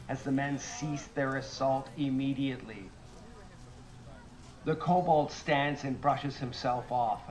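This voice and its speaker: A man narrating a tabletop game recap as game master, in measured, even storytelling. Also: mid-range voice, poor audio.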